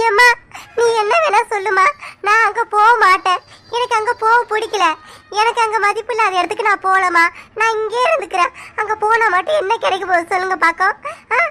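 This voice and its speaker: A woman's voice: extremely high pitch, fairly quick. A woman as an indignant young daughter-in-law. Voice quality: complaining, indignant. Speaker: actor. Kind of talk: Tamil family drama acting.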